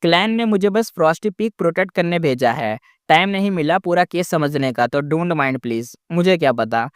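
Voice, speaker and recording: A man voicing a sly, calm young man who politely feigns confusion, in a story retelling. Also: fairly high pitch, brisk, smooth, no room sound, studio quality, close to an everyday voice. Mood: sheepish. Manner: polite, unbothered drawl.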